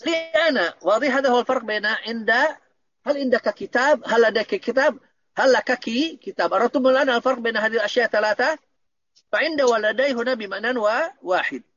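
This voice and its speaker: A man's voice: very high voice, quick pace, fairly bright tone, muffled recording. A man teaching Arabic grammar in an online lesson, patiently explaining and checking that students understand.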